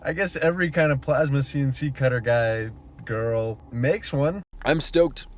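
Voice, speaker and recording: There's a little hiss or hum as a young man with a mid-range voice vlogs casually about his startup at a measured pace. He tells stories in a rambling, jokey, upbeat way.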